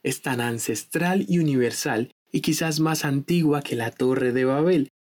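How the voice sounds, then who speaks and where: A man hosting an educational history podcast, reading a scripted segment in a measured, explanatory tone. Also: medium pitch, darkish tone. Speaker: podcast host.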